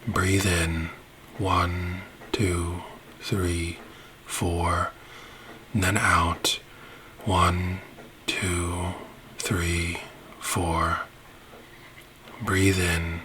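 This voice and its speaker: Slow, soft-spoken low male ASMR narrator. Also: level tone, noisy background. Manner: soft, slow and soothing, partly whispered. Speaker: ASMR ship-log narrator. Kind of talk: ASMR space roleplay narration.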